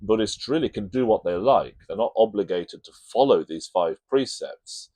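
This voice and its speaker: A man hosting a video series, explaining religious ideas in an informal, tentative way, pausing with ums and correcting himself as he reads from notes. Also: on the low side, lively intonation, dark tone. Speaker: channel host teaching Buddhism. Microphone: reading from notes to camera.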